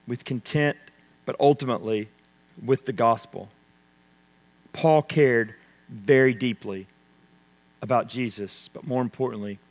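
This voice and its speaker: A man preaching a sermon, swinging between loud emphasis and hushed intensity. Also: medium pitch. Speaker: pastor. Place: church sanctuary. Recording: long church reverb.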